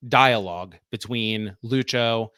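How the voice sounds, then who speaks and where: A man's voice: on the low side, slow pace, sharp tone, clean tone, dry recording, clean studio sound. A man co-hosting a soccer podcast, explaining tactics and walking through plays step by step in a casual, analytical way.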